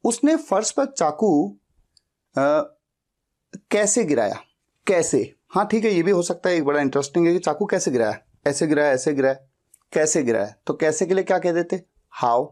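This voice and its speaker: A man teaching an English grammar lesson, slowing down to dictate example sentences. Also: on the high side, animated, darkish tone. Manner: slow, dictating pace when reading out English sentences.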